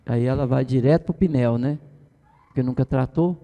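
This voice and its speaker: With a dark-toned, mid-range voice carrying vocal fry, a middle-aged man teaches church in a relaxed way at a moderate pace. The space has a long reverb, and he chats along, adding tag questions and mimicking those he quotes.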